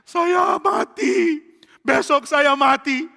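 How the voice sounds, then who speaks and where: A man's voice: a little high, level tone, fast talker, close to an everyday voice. A man preaching while voicing a frightened, proud king in disguise who orders people about and then panics. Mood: terrified. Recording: reverberant church hall.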